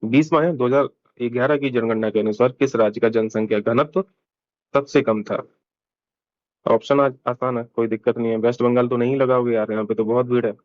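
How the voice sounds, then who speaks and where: A man's voice: medium pitch, fairly even intonation, fairly quick, no room sound, muffled recording. A man teaching an exam-prep lesson in a casual, chatty way, explaining each answer step by step and mixing in English terms.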